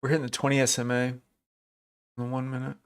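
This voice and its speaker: Gravelly man thinking aloud on a stream. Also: mid-range voice, monotone, fast talker. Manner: thinking aloud, chatty, restarts, reads out chat names. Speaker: livestream day trader. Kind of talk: live trading stream commentary.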